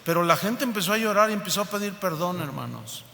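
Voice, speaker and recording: A man preaching a sermon, telling a personal story in a lively way and acting out the people he quotes. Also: sits high, fast talker, gravelly. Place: church hall. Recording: reverberant hall, faint ambience.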